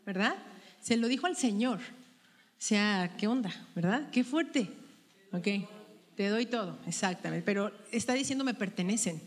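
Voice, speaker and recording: A woman leads a women's Bible study group, asking questions, checking their answers, and tagging her questions with "¿verdad?". Her medium-pitched voice has lively intonation and a slightly slow pace. A long hall reverb fills the recording.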